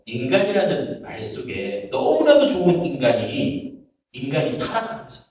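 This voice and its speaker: Male pastor, lively storyteller, echoey church hall with the mic at some distance. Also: medium pitch. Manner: storytelling, quotes people's curses in acted asides. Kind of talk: sermon. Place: church sanctuary.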